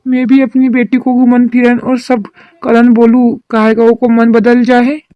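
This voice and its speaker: A woman's voice: a little high, monotone, a little slow, no echo, muffled recording, close to an everyday voice. A woman voicing a worried rural mother-in-law in a cartoon drama, talking in a homely village dialect. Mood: earnest.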